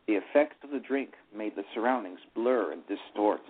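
A man with a lowish, husky voice narrates a live radio play at a moderate pace, sounding animated. He stumbles often and restarts his words. The broadcast sounds tinny, like it's coming over a phone line.

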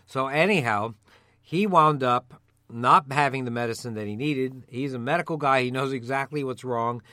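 A middle-aged man with a gravelly, mildly hoarse voice, co-hosting and explaining in a measured, conversational way. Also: medium pitch, sharp tone, no echo, studio quality. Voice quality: gravelly voice from a passing illness. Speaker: co-host of a survival medicine show.

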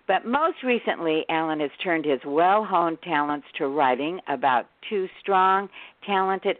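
A woman's voice: on the low side, no room sound. An older American woman hosting a radio interview show. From United States. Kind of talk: scripted introduction and interview hosting. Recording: dry, tinny phone-like radio sound.

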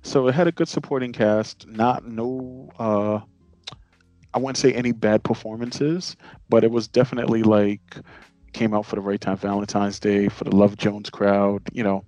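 Male podcast co-host, relaxed and halting, dry recording with faint music under. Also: lowish voice, no room sound. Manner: laid-back, halting. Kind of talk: casual movie review chat.

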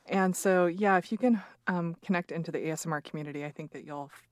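A woman's voice: on the low side, quick pace, no room sound. Dry-sounding woman podcast host. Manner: warm and encouraging, frequent "mm-hmm" and "um". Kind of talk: casual interview chat.

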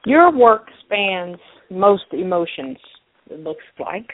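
A woman's voice: mid-range voice, lively intonation, takes it slowly, no room sound. A woman hosting a radio show in a conversational interview style. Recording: thin, phone-like radio sound.

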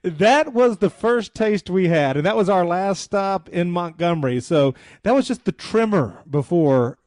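A man's voice: high-pitched, lively intonation, measured pace, darkish tone, no room sound, clean studio sound. A middle-aged man hosting a radio talk show, telling a rambling anecdote with many fillers and restarts. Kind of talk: casual radio talk, storytelling.

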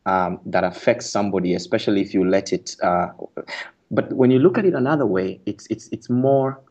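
A Kenyan author, appearing as a guest in a radio interview conversation, explains his ideas thoughtfully, with fillers and restarts. His voice is lowish, a little mellow, and a bit fast.

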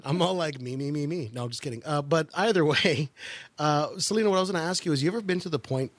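Male co-host, slightly high voice, jokey, dry close sound. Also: fast, dry recording. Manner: joking, laughs often. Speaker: podcast co-host. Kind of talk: casual chat.

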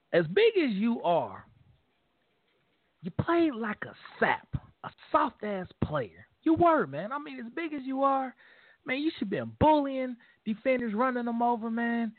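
An animated man talks football with a slightly high voice. He jokes and trash-talks, tacking "man" onto his lines. The audio is dry and narrow, like a phone line. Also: dry recording. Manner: animated trash talk, laughing, repeats "man". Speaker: podcast co-host. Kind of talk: casual sports talk.

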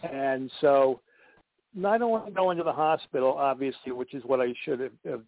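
A man speaking candidly on a conference call line that keeps cutting out, halting and restarting his words. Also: mid-range voice, gravelly, no room sound. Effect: conference call line that keeps breaking up. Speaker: guest. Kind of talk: candid personal talk. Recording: tinny phone line.

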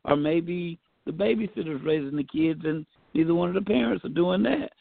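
A man co-hosting a casual faith-based talk show, laid-back and folksy, pausing often with fillers. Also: fairly high pitch, creaky, no room sound, phone-quality sound. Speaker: podcast co-host.

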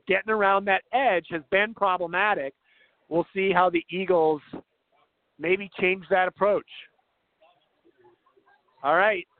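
A man's voice: high voice, dry recording, phone-quality sound. A man hosting live halftime sports commentary, running through stats and handing over to colleagues. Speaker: sports play-by-play host. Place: outdoors at a football field. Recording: thin, band-limited broadcast sound.

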